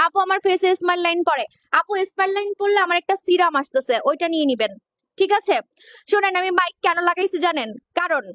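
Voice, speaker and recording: This is a woman, hosting a livestream for her skincare shop. She talks fast, playful and teasing, and speaks straight to her viewers. The sound is close and dry from a clip-on mic. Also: very high-pitched, a bit bright, dry recording. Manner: playful, teasing, chatty, addresses viewers directly. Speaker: online skincare shop owner selling on a livestream. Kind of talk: casual livestream sales talk.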